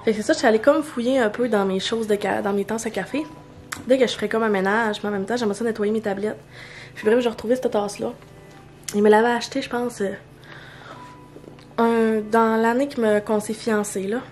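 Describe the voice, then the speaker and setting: Here the same kind of morning vlog plays out at home: a young woman with a Québécois French accent rambles casually, with many fillers and restarts. Her voice is on the high side, steady, brisk and somewhat dark, with slight background noise.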